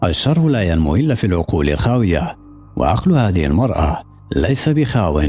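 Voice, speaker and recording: A man's voice: low voice, sing-song, fast talker, a little mellow, soft background music. A man doing a perceptive, reflective woman.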